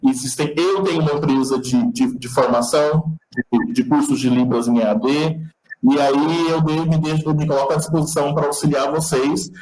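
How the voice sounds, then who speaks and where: A man's voice: a little high, fairly even intonation, moderate pace, darkish tone, reverberant, low-quality recording. Patient Brazilian man teaching sign language. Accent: Brazilian Portuguese. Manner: patient, explanatory, demonstrates as he talks. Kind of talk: online lecture teaching the sign alphabet.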